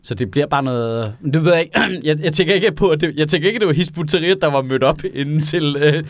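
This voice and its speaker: A man's voice: on the high side, no room sound, studio quality. Laughing, swearing man in casual chat. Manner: loose, profane, laughing often.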